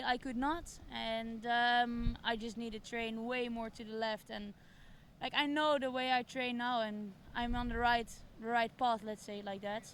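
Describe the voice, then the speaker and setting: A young woman sportswoman answering interview questions outdoors at night. Her voice sits a little high, and she stumbles through her thoughts with fillers and restarts. A faint background noise runs under her words. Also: a bit bright. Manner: hesitant, many fillers and restarts. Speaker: kiteboarding competitor. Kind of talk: post-event interview. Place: outdoor event stage at night.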